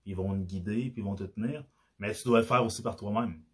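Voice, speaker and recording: A man with a Québécois accent talks straight to his listeners in a loose podcast monologue. His voice is low and a little husky. He often stumbles and restarts his sentences. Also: brisk, fairly bright tone. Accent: Québécois French. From Quebec. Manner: hesitant, many restarts and filler words. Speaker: podcast host.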